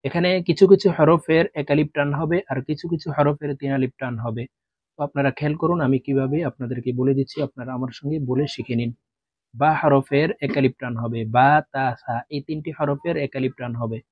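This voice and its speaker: A man teaching Arabic letters for Quran reading, explaining each sound and then chanting the letter names long and slow for students to repeat. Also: medium pitch, steady tone, no echo, dull audio. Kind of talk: recitation lesson.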